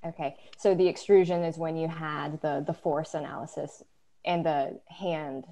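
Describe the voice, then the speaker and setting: Deep, mellow-voiced woman asking questions. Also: fairly even intonation, normal speed. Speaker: audience questioner. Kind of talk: unscripted technical questions. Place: video call.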